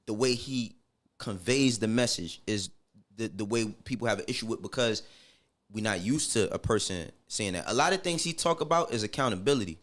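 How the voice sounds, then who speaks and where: On the low side yet fairly bright, the Harlem man speaks expressively and briskly as an interview guest on a podcast. Middle-aged with a New York accent, he's candid, casual and slangy, with emphatic phrases that keep checking the listener is with him.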